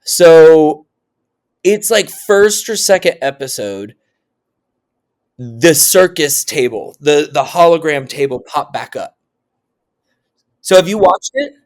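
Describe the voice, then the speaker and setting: A man's voice: on the high side, animated, slow, long pauses, darkish tone. A man from Oklahoma guest-hosting a casual podcast, telling rambling stories with many restarts. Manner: rambling storyteller, lots of restarts and laughs. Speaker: guest co-host.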